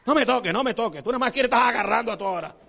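A man's voice: extremely high pitch, rapid-fire, creaky, pushed and bright, faint music behind, full character voice. A man doing a snappy annoyed wife. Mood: irritated. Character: irritated wife fending off her husband.

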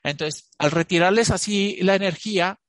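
A man's voice: high-pitched, normal speed, a bit bright, dry recording. A man, a therapist recounting cases to an interviewer, telling them as stories full of fillers and restarts. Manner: storytelling with frequent fillers and restarts. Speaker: channeling therapist.

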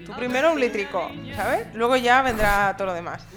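A woman's voice: on the high side, animated, fairly quick. Female host, playful, talks listeners through cooking steps, music bed. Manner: joking, explains a recipe step by step. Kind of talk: casual banter among friends. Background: music playing.

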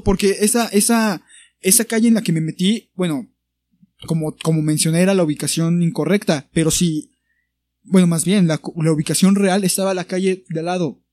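A man's voice: high voice, dry recording. A young man with a Mexican Spanish accent, telling a story in a casual podcast chat and acting out the people he quotes. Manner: animated storyteller who acts out quoted people. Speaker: podcast co-host.

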